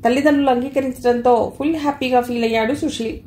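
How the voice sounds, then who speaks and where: A woman narrating an audio novel in a calm, even storytelling manner. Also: high-pitched, fast talker. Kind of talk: scripted narration. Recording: echoey room, faint hiss.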